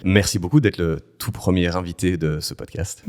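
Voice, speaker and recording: A man's voice: low-pitched, steady tone, normal speed, darkish tone. A man hosting a podcast, introducing the show and asking a guest questions with some hesitation. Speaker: podcast host. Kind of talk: podcast interview.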